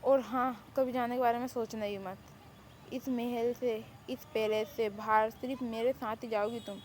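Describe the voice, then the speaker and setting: A woman's voice: steady tone, moderate pace, a little mellow, slight background noise, natural voice. Woman voicing a smug possessive vampire king. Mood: menacing. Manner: teasing, calls her baby, low threats. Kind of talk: Hindi fan-fiction audio story.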